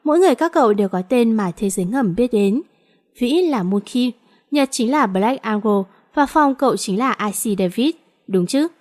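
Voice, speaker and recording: A cool, commanding older sister from a romance audiobook, calm and self-assured with a quiet menace, as a woman reads her. The voice sits slightly high and speaks evenly. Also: normal speed. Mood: knowing.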